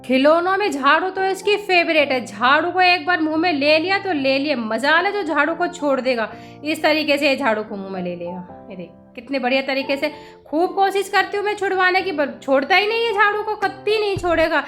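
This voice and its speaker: A middle-aged woman with a high voice, chatting casually in a home vlog. She narrates her day and scolds her dog fondly. Faint music plays underneath. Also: expressive, a little fast, a bit bright. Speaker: vlogger and mother. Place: home indoors.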